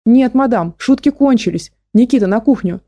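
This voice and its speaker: A woman's voice: fairly high pitch, lively intonation, normal speed, dark tone. A woman voicing a teenage boy who talks in a formal, mock-polite way, in an audiobook. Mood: stern polite. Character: teenage boy holding a gun, brave but shaky.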